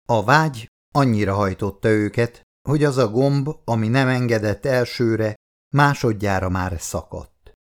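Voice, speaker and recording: Male audiobook narrator, lowish voice, calm steady read. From Hungary. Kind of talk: scripted narration.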